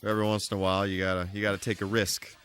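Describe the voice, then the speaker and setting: A man live streams a video game, talking at a very fast clip in a fairly low, flat voice with a fairly bright tone. He chats casually with his viewers, tossing in playful exclamations and sing-song asides. Music plays behind him, and there's a little hiss or hum.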